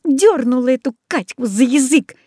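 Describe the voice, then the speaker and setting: A woman reading a children's storybook aloud in an expressive way. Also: sits high, normal speed, husky, no room sound, studio quality. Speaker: audiobook reader. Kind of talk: storybook narration.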